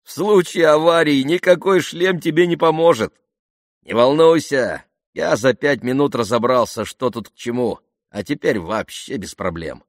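A man voicing a boastful, cheerful young male aviator who talks loudly and exuberantly. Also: on the low side, lively intonation, moderate pace, few pauses, no room sound, studio quality.

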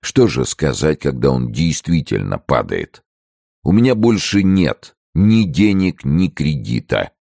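A man reading as a proud, disgraced male minister in an audiobook, with solemn, measured speech. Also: rumbling low, sing-song, vocal fry, mellow, husky, dry recording, clean studio sound, pitched above the performer's own voice, exaggerated voice. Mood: grave.

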